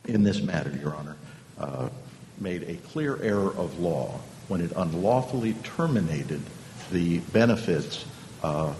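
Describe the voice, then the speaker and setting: A man arguing formally as a lawyer before a court, deliberate and halting with frequent hesitations. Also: animated, darkish tone. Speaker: appellant's lawyer. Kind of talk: formal oral argument to a court. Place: large conference hall. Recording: reverberant hall, faint rumble.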